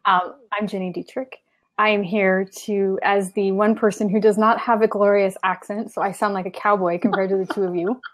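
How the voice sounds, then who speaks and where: A woman's voice: medium pitch, level tone, a little fast. A woman guest on a video chat, playful and joking as she talks. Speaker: guest blogger.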